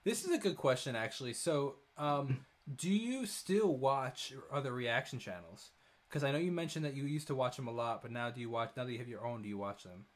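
A man hosting a casual interview, laid-back and chuckling, sometimes halting as he frames his questions. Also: medium pitch, lively intonation. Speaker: interview host.

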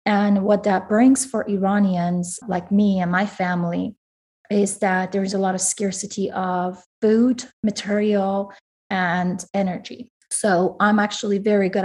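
A woman's voice: mid-range voice, a little mellow. Earnest woman guest from Iran. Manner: earnest, candid, self-correcting. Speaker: author guest. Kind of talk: interview conversation.

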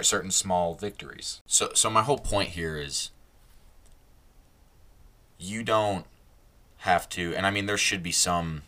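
Rambling young man with a low, bright voice. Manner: rambling, self-interrupting, laughs at his own slips. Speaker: podcast host. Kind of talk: casual solo podcast monologue.

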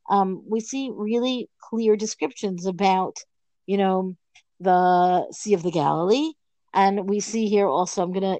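A woman's voice: medium pitch, darkish tone, no echo. Woman giving a chatty Talmud lesson. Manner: conversational, thinking aloud with many fillers and "right?". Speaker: Talmud teacher.

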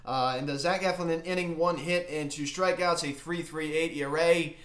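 A man hosting a casual sports recap, talking in a halting, emphatic fan's manner, recorded in an empty closet. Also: a little high, fairly even intonation, fairly bright tone. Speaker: sports recap video host. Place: empty unfurnished closet in a home. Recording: echoey small bare room.

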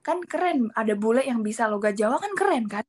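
A woman speaking as a guest in a casual chat about learning Japanese, animated and acting out what other people say. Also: on the high side, a little fast. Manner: animated, acts out quoted speakers.

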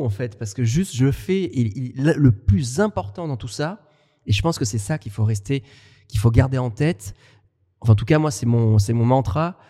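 A man from France co-hosting a podcast, talking things through in a halting, reflective way with many restarts. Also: medium pitch, dark tone, big-room sound. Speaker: podcast co-host. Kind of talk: casual conversation.

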